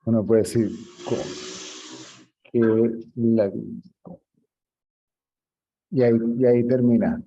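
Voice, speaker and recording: A man's voice: medium pitch, fairly even intonation, slow pace, long pauses, mellow. A man giving an informal spiritual teaching talk, telling anecdotes and often checking that his listener follows. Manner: conversational, often checks understanding, laughs at his own stories. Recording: dull lo-fi recording.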